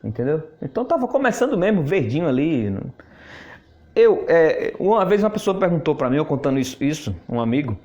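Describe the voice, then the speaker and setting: A man's voice: on the high side, sing-song, a little fast, dark tone, highs cut off. A man, a network marketing mentor telling a story in a casual, chatty way, often laughing and repeating words. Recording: echoey room.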